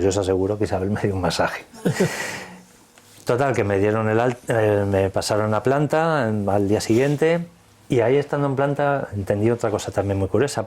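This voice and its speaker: Man, quick speech, lowish voice, lively storytelling. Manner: animated, acts out dialogue in retelling. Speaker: guest telling his story. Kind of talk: casual storytelling interview.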